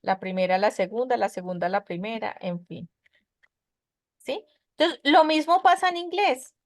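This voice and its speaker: A woman with a slightly high voice and lively intonation talks at a moderate pace, in clean studio sound without any room sound. Teaching English grammar online via web conference, she patiently breaks things down step by step, often pausing to ask students checking questions.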